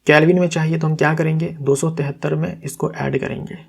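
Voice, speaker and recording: A man's voice: fairly high pitch, little pitch movement, brisk, gravelly, darkish tone. A man teaches exam material as a tutor. He goes through answers step by step, asking himself questions and answering them, now and then correcting a slip aloud. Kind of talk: explaining quiz answers.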